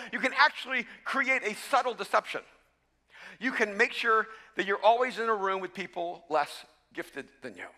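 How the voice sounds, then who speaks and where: A man from El Salvador preaches with a very high, sharply bright voice that bounces into a long hall reverb. He is animated and self-mocking, and he often trips over his words and restarts. He sounds like a pastor in the middle of a sermon.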